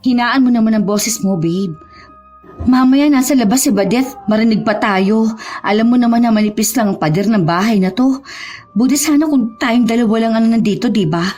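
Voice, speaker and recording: A woman's voice: on the high side, fairly quick, dark tone, soft background music, close to an everyday voice. A woman voicing a busy young girlfriend who talks in an irritated, dismissive way in a dramatized story. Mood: annoyed.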